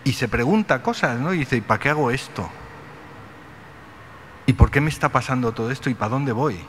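A middle-aged man gives a measured, reflective lecture from a podium in a large ornate hall. Long reverb from the hall trails his words, and a faint hiss sits underneath. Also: mid-range voice, expressive. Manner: reflective, measured, rhetorical questions. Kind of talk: conference lecture. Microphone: podium microphone.

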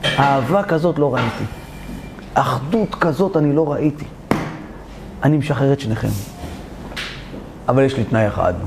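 A man voicing a moved, generous king who frees two condemned friends, speaking slowly and solemnly in a storytelling sermon. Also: medium pitch, background noise, voice pushed down, close to an everyday voice. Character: moved, generous male king freeing prisoners.

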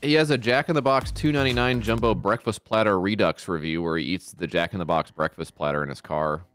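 Low-voiced man in easy stream chat. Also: fast talker, fairly bright tone, no room sound, soft background music. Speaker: co-host reacting to videos.

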